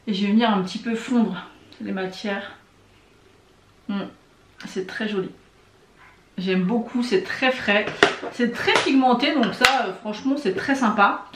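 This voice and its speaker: A woman chatting casually to her viewers while testing makeup, often pausing on little hesitations. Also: mid-range voice, a bit bright, echoey room. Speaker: beauty vlogger. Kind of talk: casual makeup tutorial chat.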